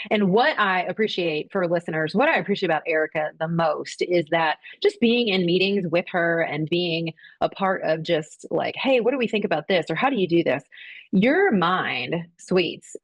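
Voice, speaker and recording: An effusive woman hosting a casual podcast chat, piling enthusiastic praise on her guests. Her voice sits a little low and sounds close and dry, with no room around it. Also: dry recording. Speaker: podcast host.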